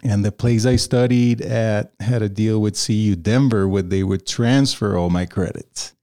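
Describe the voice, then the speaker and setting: Speaking in a lowish, mellow voice with fairly even intonation and a slightly slow pace, a Venezuelan freelance video producer guests on an interview podcast. His talk is casual and rambling, packed with fillers and restarts, and he laughs a lot.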